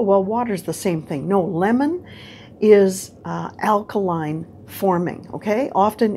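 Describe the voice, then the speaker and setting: This older host of a health and diet channel talks through a relaxed diet lesson before a whiteboard indoors, lively and talkative, often asking "right?" Her pitch runs on the low side, and the camera, set at medium distance, catches slight background noise.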